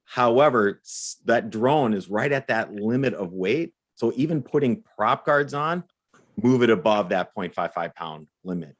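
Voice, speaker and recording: Low-voiced man explaining rules on a live Q&A. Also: animated, measured pace. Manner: explanatory, repeats words when restarting. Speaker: co-host.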